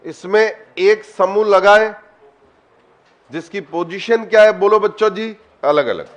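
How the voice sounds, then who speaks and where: In an online chemistry lesson, a high-voiced man takes his time as he quizzes students, coaxing answers from them and calling on each by name.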